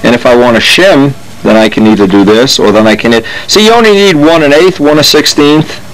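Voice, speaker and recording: Brisk and expressive, an older model airplane builder's mid-range voice comes through a rough recording as he talks casually while working at his workshop bench. He frequently breaks off and corrects himself mid-sentence.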